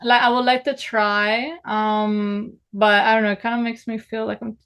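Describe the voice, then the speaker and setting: Woman in her twenties, Italian accent, smooth resonant voice, hesitant and filler-heavy, casual podcast guest. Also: a little high, flat delivery, moderate pace, a bit bright. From northern Italy. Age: 20s. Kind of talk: casual chat.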